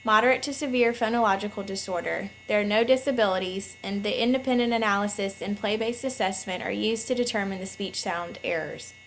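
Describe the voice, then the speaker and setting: A woman reading a scripted narration at a measured, formal pace as a voice-over. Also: mid-range voice, a bit bright, a little hiss or hum, poor audio. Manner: measured, reads slowly and formally.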